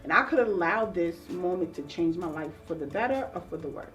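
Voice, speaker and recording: An earnest woman counselor tells her own story in an interview, reflective and open. She sits a little back from the microphone. Soft music plays faintly underneath. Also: on the low side, lively intonation, a little fast, distant mic. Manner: earnest and reflective, acting out remembered voices. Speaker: counselor guest.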